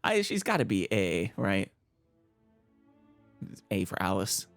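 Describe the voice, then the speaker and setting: A woman gives casual gameplay commentary, thinking out loud. Her voice is very deep and creaky, recorded dry and close. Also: big pitch swings, slow, no room sound, soft background music. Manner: musing aloud, reactive. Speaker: let's player.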